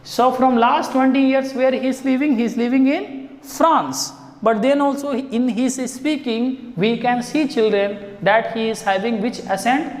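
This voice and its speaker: A man's voice: very high voice, a little slow. A man with an Indian accent, teaching an English story line by line and asking his students questions. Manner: explains line by line, asks students rhetorical questions. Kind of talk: classroom lesson explaining a story. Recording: echoey room with long reverb.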